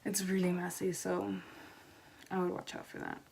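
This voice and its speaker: A woman talking quietly and low, as if someone is asleep nearby, in a casual makeup tutorial chat. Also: completely flat delivery, moderate pace, vocal fry. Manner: quiet, hushed talk at night-time volume so as not to wake someone. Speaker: beauty vlogger. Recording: noisy home recording with clicks.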